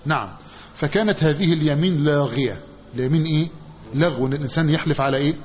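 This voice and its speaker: Fast-talking Egyptian religious teacher. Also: male voice, a little high. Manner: asks the class questions, repeating phrases with a drawn-out "what?". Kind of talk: hadith commentary lesson. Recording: dull lo-fi recording with faint hiss.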